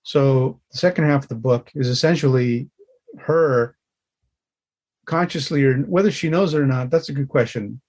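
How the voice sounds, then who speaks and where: Speaking at a normal speed in a mid-range, slightly mellow voice, a middle-aged man from Los Angeles recounts a story with energy during a relaxed interview. He's a concept artist and voices what his character is thinking.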